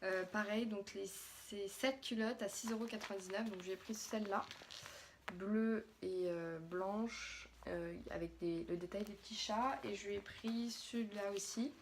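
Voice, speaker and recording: A woman's voice: medium pitch, a little slow, a little hiss or hum. A young French woman, a mother, chatting casually through a haul of her daughter's clothes with plenty of fillers and restarts.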